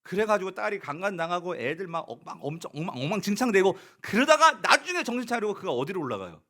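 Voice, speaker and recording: A male pastor preaches with a high voice that leaps wildly up and down. He addresses his congregation directly, throws questions at them and acts out the mockers' taunts in their voices. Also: sing-song, fast talker, sharp tone. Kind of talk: sermon.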